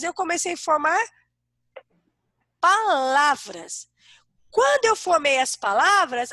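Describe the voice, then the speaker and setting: A Brazilian woman teaches a class of young children over a video call, her voice high and sing-song. The recording is dry and close, and her tone is bright. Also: no echo. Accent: Brazilian Portuguese. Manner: warm, sing-song teacher talk to small kids. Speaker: primary school teacher.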